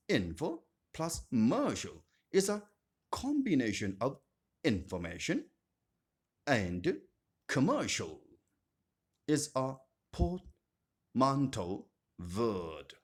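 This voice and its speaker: A man teaching an English grammar lesson, speaking slowly and deliberately and repeating each term with strong stress. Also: medium pitch, huge pitch swings, breathy edge. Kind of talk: scripted grammar lesson narration.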